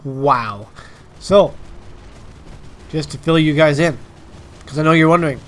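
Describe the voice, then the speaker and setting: A man's voice: fairly high pitch, a little slow. Stuffed-up man doing gameplay commentary. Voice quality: stuffed-up, congested nasal voice. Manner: emphatic, informal, addressing viewers directly. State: stuffy nose from allergies. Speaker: gaming video host.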